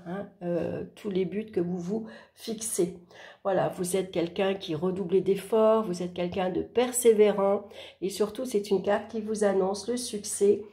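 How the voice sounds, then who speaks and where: A woman hoarse from swollen tonsils speaks softly, giving an informal tarot horoscope reading to viewers. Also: mid-range voice. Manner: speaking softly to spare her throat. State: hoarse from a sore throat with tonsillitis. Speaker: tarot card reader and horoscope host.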